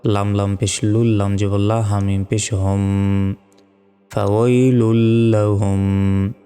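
A man leads a Quran reading lesson, spelling the Arabic out syllable by syllable at a very slow, deliberate pace. His voice is low, flat and smooth. Long reverb hangs on every word, with faint music underneath. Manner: slow, deliberate spelling drill with drawn-out chanted recitation. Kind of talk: spelling out Quranic Arabic letter by letter, then slow melodic recitation.

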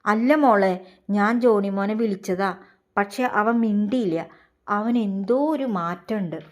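A woman's voice: medium pitch, unhurried, lightly acted. Concerned older woman neighbor, familiar questioning tone; a woman reads it.

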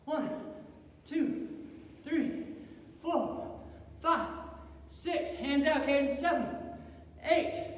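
A man's voice: very high-pitched, drawn-out words, pauses often. A man leading a martial arts workout like an aerobics instructor, energetically urging the class with short repeated commands and counts. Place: large indoor gym with padded floor. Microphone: camera several metres away. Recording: echoey hall, distant mic, faint noise.

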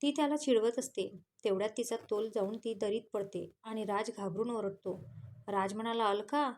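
A woman's voice: mid-range voice, moderate pace, darkish tone. A woman with a Marathi accent reading a romance story aloud, voicing every character's lines in her own voice between plain narration tags.

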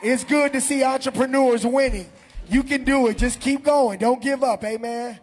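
With an extremely high pitch and a breathy edge, a middle-aged pastor leads a prayer and makes announcements at a moderate pace. He shouts animatedly into a handheld mic in a large church hall while faint music plays behind.

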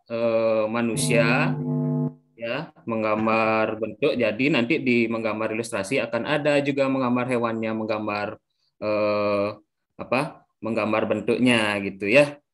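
A man's voice: mid-range voice, fairly bright tone. A young man with an Indonesian accent teaching a class in an upbeat, coaxing way, often checking in with the pupils.

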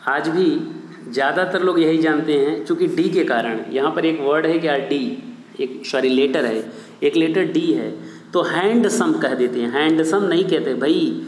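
Male tutor, drilling style, asks and answers his own questions, somewhat high voice, echoey room. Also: moderate pace. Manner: rhetorical questions, then answers them himself and repeats; addresses viewers as his dear children and friends. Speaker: English teacher. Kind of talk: online video lesson in Hindi. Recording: echoey room with long reverb.

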